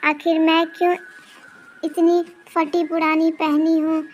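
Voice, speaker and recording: A woman voicing a gentle, mistreated young girl in a cartoon story, pleading and tearful. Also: very high voice, little pitch movement, slow, dull audio, a little hiss or hum. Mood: sad pleading.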